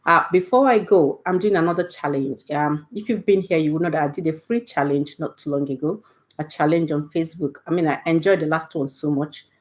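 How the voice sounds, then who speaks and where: A middle-aged Igbo language teacher with a Nigerian accent and a deep, slightly fast voice gives a casual, patient online lesson. After each point she checks in with "okay?"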